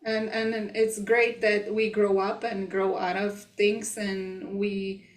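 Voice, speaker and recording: A woman's voice: medium pitch, flat delivery, slow. Reflective woman podcast co-host. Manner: reflective, laughs often. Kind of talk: spiritual podcast conversation.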